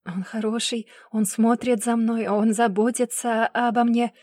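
Woman reading as a wrecked young girl, screeching and desperate, shrill and loud, dry close audiobook sound. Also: fairly even intonation, unhurried, no echo. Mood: dazed, guilty. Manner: shrieking, sobbing accusations. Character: distraught young woman, abused and frantic.

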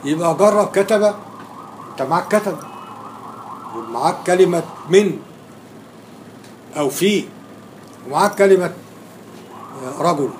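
Egyptian-accented male grammar teacher, slightly high voice, questions the class, faint room hiss. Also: animated, measured pace, long pauses. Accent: Egyptian Arabic. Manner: quizzing students, repeating and stressing key words. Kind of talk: classroom lecture with questions to students.

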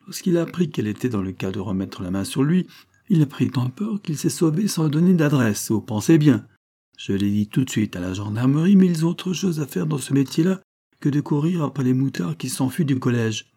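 A man's voice: medium pitch, animated, fairly quick, dark tone, pitched above the performer's own voice. A man reading an audiobook, voicing a shrewd, sly older farmer who talks bluntly and teasingly in a raised voice.

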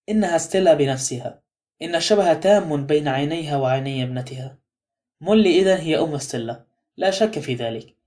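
Fast-reading male audiobook narrator. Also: on the high side, dark tone. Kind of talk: scripted first-person narration.

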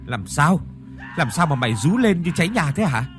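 A man's voice: medium pitch, very animated, moderate pace, over music, close to an everyday voice. A man voicing a blunt young man who mocks a frightened friend in a ghost story. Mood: snapping. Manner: mocking, blunt.

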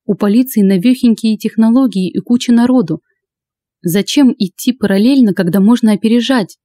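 A woman narrating a first-person audiobook in an expressive, wry manner. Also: a little high, fairly quick, no echo.

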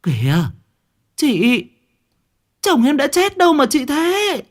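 A man voicing a humble, anxious village wife, who talks softly and stammers. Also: very high voice, wildly swooping pitch, takes it slowly, voice pushed up, full character voice. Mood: flustered. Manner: soft and stammering.

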